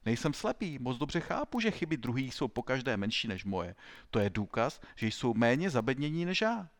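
A man voicing a boastful, dim-witted schoolboy in an audiobook, speaking in a high, strained, whiny voice. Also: no room sound, lightly acted. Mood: protesting. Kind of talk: audiobook reading.

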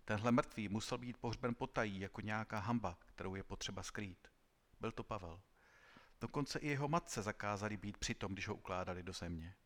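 Calm, low-voiced male storyteller. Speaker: narrator. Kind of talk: read-aloud story narration.

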